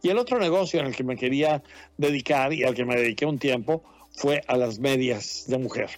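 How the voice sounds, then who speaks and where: A man's voice: medium pitch, fairly quick, dry recording, soft background music. A man in his fifties, a journalist born in Mexico, telling his story in a casual interview, rambling and laughing often. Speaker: journalist guest. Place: Washington.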